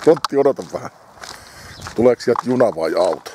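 A man's voice: medium pitch, animated, background noise. A man rambling to himself and his dog on a winter morning walk outdoors, swearing heavily. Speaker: vlogger. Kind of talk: rambling walk-and-talk monologue. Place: outdoors on a village road in winter.

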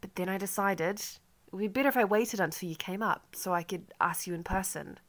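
A woman's voice: medium pitch, fairly quick, close to an everyday voice. A woman voicing an earnest, eager young male medical student who is ill, in audiobook dialogue.

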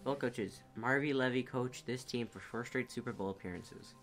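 A man's voice: mid-range voice, moderate pace, fairly bright tone, soft background music. A young man co-hosting a casual gaming chat, reading quiz clues aloud and teasing his friends with dry jokes. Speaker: co-host.

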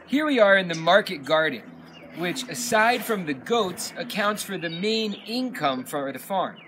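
A young farmer gives a tour outdoors among gardens and animal pens, steadily and methodically explaining how the farm works. His voice is high and a bit bright, picked up by a camera a few meters away with slight background noise.

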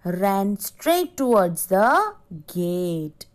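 A woman's voice: mid-range voice, sing-song, very slow. A woman teacher reads a story aloud to her class and stops to explain difficult words to the children. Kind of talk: reading a story aloud in an English lesson.

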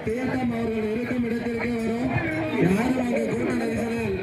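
Man announcing through a loudspeaker. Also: very high-pitched, level tone, over loud music. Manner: slow, repetitive official warnings. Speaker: temple festival announcer. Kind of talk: public safety announcements. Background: large crowd.

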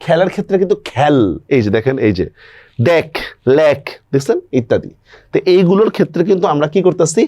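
A man's voice: on the high side, expressive, very fast, warm tone, dry recording. A male teacher giving an online grammar lecture, explaining step by step and checking in with rhetorical questions.

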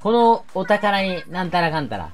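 A woman gaming YouTuber giving excitable game commentary, shouting reactions and talking to viewers. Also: lowish voice, normal speed.

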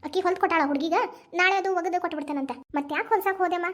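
A woman's voice: very high voice, racing, a bit bright. A woman voicing a caring middle-aged cartoon mother who chats and gives advice, with a North Karnataka Kannada accent. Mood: advising. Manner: chatty, advising. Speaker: grandmother of newborn. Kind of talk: animated cartoon family drama dialogue.

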